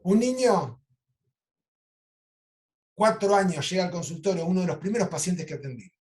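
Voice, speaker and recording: A man with an Argentine Spanish accent, a psychoanalyst lecturing over a video call and telling clinical cases in a lively, animated way. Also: high-pitched, moderate pace. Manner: animated storytelling, acts out quoted lines. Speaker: psychoanalyst teaching an online course.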